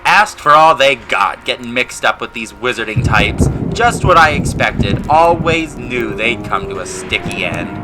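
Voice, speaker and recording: A man's voice: mid-range voice, big pitch swings, a little slow, few pauses, noisy background. A man playing a blustering, contemptuous middle-aged uncle, pompous and snarling, in an audiobook drama. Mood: snarling contempt.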